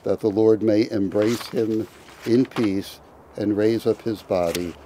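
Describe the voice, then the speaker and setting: A man, a priest, reciting committal prayers at a graveside in a measured, liturgical way. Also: lowish voice, steady tone, mellow, a little hiss or hum, low-quality recording.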